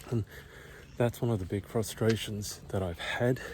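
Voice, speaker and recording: In a hushed whisper, a breathless middle-aged man vlogs casually as he walks uphill through a quiet neighborhood outside. His voice is on the low side, fairly even in intonation, at normal speed, against a noisy background.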